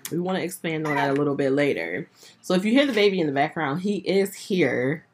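Low-voiced woman hosting a podcast. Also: very animated, a little fast, a little mellow. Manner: steering, asks questions, laughs easily. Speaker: podcast host. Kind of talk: casual interview chat.

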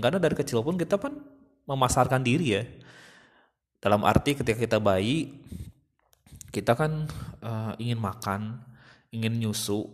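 A young man, hosting a casual podcast monologue in a chatty manner. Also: mid-range voice. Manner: chatty, imitates babies and others mid-talk.

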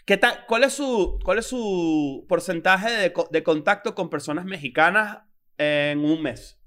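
A man chatting casually as a podcast co-host, animated and teasing. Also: high-pitched. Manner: animated, quick jokes and teasing. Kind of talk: casual chat.

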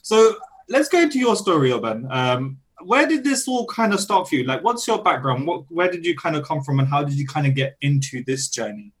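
This excitable man hosts a podcast from a home studio in London, recorded remotely, and his interviewing is full of gushing energy and frequent laughter. He speaks briskly at a somewhat high pitch, still a bit croaky from coughing.

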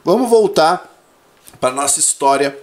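A man hosting a casual conversation, telling playful, expressive stories about teaching. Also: fairly high pitch, measured pace.

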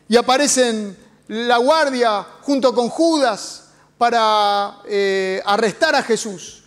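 High-voiced Argentine pastor preaching. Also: male voice. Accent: Argentine Spanish. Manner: dramatic storytelling with acted quotes and rhetorical questions. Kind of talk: sermon.

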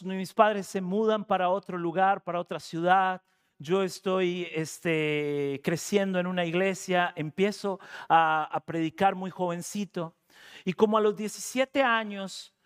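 A male preacher with a notably high voice tells a personal story from the pulpit. He talks in a relaxed, chatty way and acts out the lines of the people in his tale. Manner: conversational, animated storytelling with laughs and quoted voices. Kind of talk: sermon storytelling.

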